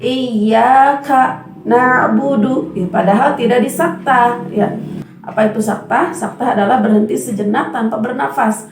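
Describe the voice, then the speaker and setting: A woman's voice: fairly high pitch, a little mellow, a little hiss or hum. A woman teaching Quran recitation, explaining pronunciation rules and patiently reciting and repeating example sounds. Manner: patient, demonstrates sounds slowly and repeats them. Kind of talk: tajweed lesson with recited examples. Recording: roomy echo.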